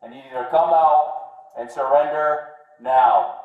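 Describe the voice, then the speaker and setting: A man's firm, commanding voice booms through a megaphone as he repeats orders outside a building. The amplified sound bounces with heavy echo and reaches the mic from far off. His pitch sits a little high. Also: steady tone, unhurried, phone-quality sound. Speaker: police officer. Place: outdoors outside an apartment building. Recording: echoey megaphone heard from afar.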